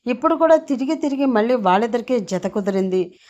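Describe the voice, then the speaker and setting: A woman's voice: a little high, animated, fast talker, darkish tone, highs cut off, pitched above the performer's own voice, natural voice. A woman voicing an exasperated middle-aged father who argues firmly, in a storybook reading. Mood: firm pleading.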